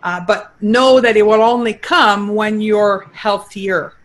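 A woman's voice: medium pitch, slow pace, rough recording. A woman from Quebec with a Quebec French accent, a native French speaker, talking as a nutritionist guest in an earnest, explaining way. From Quebec, Canada. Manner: earnest, explaining, frequent restarts. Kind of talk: casual interview talk.

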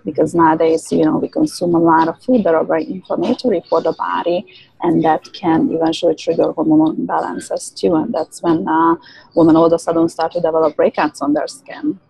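A woman's voice: low voice, flat delivery, brisk, creaky, warm tone, slightly rough, dry recording, rough recording. A woman in her thirties with a Hungarian accent, a native Hungarian speaker, explaining earnestly and at length as a guest in a podcast interview, with frequent fillers. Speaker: guest, licensed esthetician.

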